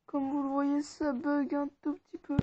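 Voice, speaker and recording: A woman's voice: high voice, monotone, moderate pace, darkish tone, a little hiss or hum. A woman talking viewers casually through an app tutorial step by step, informal and rambling. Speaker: tutorial maker. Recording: dull, dry lo-fi recording.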